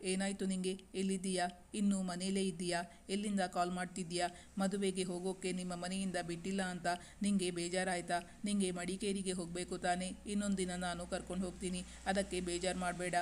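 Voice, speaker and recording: A woman's voice: fairly low pitch, level tone, normal speed, warm tone, slight background noise, close to an everyday voice. A woman reading the lines of a young man, a playful and reassuring boyfriend, in a storybook.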